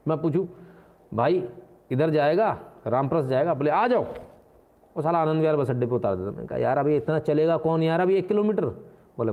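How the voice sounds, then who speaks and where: A man hosting a live stream, giving combative, mocking political commentary. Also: mid-range voice. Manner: combative and mocking, slips into acted voices. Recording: tinny phone-like sound.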